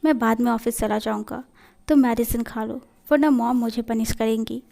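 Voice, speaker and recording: A man's voice: very high voice, fairly even intonation, moderate pace, vocal fry, darkish tone. A woman voicing a curt, easily irritated young man in a read-aloud fan story. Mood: stern. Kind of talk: storytelling in a fan fiction reading.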